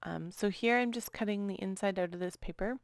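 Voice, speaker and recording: A woman's voice: mid-range voice, fairly quick, gravelly, dry recording, clean studio sound. A woman narrating her own crafting video in a casual, chatty voice-over, often apologizing and trailing off with small laughs. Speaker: scrapbooking vlogger.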